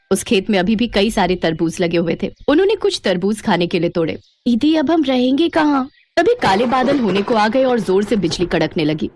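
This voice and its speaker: A woman narrating a moral story for a cartoon in a dramatic, expressive way. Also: mid-range voice.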